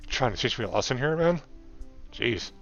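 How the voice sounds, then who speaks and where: A man's voice: medium pitch, sing-song, normal speed, fairly bright tone. A male game streamer reading a visual novel aloud and dropping in casual asides. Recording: dull muffled sound, music behind.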